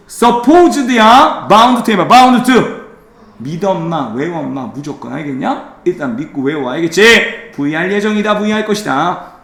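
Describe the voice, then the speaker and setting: A man teaching an English grammar class, drilling students with quick questions and teasing them playfully. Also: high-pitched, gravelly, fairly bright tone, roomy sound, a little hiss or hum. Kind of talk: classroom lecture.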